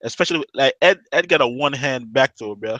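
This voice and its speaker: A slangy man chimes in on a casual gaming chat at an ordinary pitch. His line is noisy, with clear hiss and clicks behind his voice. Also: a little fast. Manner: slangy, says "bro" and "man".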